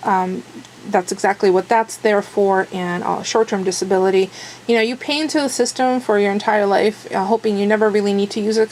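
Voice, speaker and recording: Woman vlogger, rambling and self-deprecating, mid-pitched, voice a little worn, faint background noise. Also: a little mellow, poor audio. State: losing her voice. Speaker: daily vlogger. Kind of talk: casual chat to camera.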